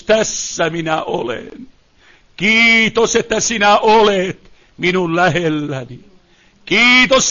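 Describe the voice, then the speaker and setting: A man's voice: extremely high pitch, fairly bright tone. Man leading a prayer meeting, pleading and fervent, muffled lo-fi sound. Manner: impassioned, pleading, repetitive invocations. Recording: dull lo-fi recording.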